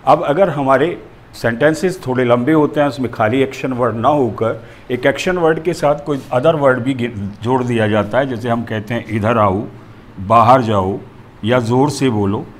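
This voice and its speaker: A male teacher explaining a grammar lesson, methodical and going through examples step by step. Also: medium pitch.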